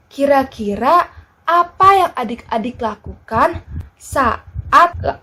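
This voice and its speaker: A woman teaching a children's church lesson, asking the kids questions in a lively, simple way. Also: high voice.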